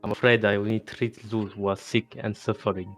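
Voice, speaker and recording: A man's voice: fairly low pitch, level tone, a little fast, faint music behind, lightly acted. A man playing a curt raccoon dog healer. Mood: dismissive. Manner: curt, cold and formal. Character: aloof male raccoon dog healer, dismissive.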